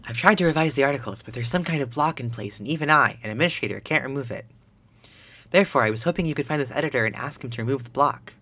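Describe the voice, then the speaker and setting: A man reads as a secretive website administrator who keeps things quiet and urgent. The voice sits at an ordinary middle pitch with a bright, forward edge. It is game dialogue read aloud from a live stream. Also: quick pace.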